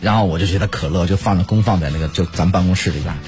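A man's voice: sits low, rapid-fire, soft background music. A man from Pingdingshan telling stories in casual chat, acting out phone calls and laughing often. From Pingdingshan, Henan. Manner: animated storyteller, acts out phone calls with laughs. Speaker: co-host.

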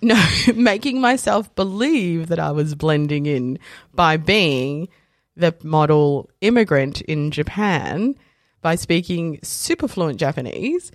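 Her voice sits low and moves slowly with hardly any pauses, in a clean studio recording with no echo. She's a podcast guest, originally from South Africa and raised in Australia, whose casual stories are animated, laden with fillers and self-corrections, and feature her acting out others' words.

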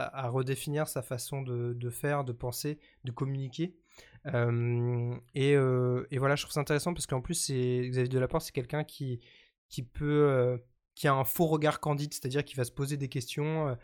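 A man's voice: mid-range voice, darkish tone, clear, resonant tone. A man co-hosting a casual podcast chat, talking with many fillers and restarts. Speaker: podcast co-host.

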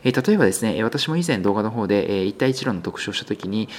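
A man's voice: fairly low pitch, expressive, rapid-fire, a little hiss or hum. A male business news host talking through market figures in a conversational, unscripted way, with many filler sounds and hesitations. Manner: conversational, polite sign-off.

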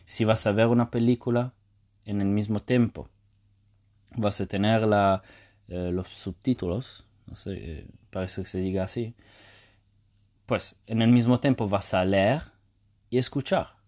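Low-voiced hesitant podcast man. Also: fairly even intonation, unhurried, long pauses, darkish tone. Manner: hesitant, many fillers and restarts. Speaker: podcast host. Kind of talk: casual solo podcast talk.

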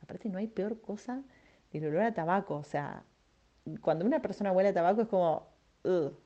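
A woman's voice: medium pitch, brisk, dark tone, highs cut off. A young woman with an Argentine accent, telling a personal story in a chatty, self-mocking way, full of fillers, as a podcast host. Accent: Argentine Spanish. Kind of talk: casual monologue.

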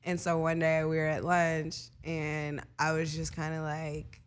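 A woman's voice: low voice, monotone, measured pace, clear, resonant tone. A woman guest on a podcast, telling a candid personal story in casual chat, full of "like" and the odd curse word. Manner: candid storytelling, lots of filler "like", casual profanity.

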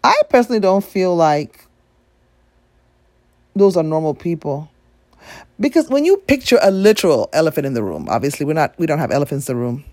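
A woman's voice: deep voice, sing-song, brisk, pauses often, a little mellow, no room sound. A woman from Nigeria giving a blunt, emphatic opinion monologue with free swearing.

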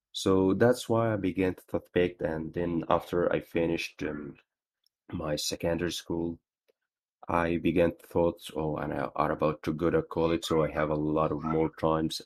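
Young male caller, very low voice, halting and repetitive speech, voicemail message. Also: darkish tone. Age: 20s. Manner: halting, repeats and restarts words.

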